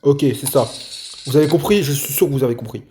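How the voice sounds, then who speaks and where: A man's voice: medium pitch, quick pace, mellow, a little hiss or hum. Man thinking aloud over a game. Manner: thinks aloud while playing, talks to viewers playfully. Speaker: gaming video creator. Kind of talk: let's play commentary.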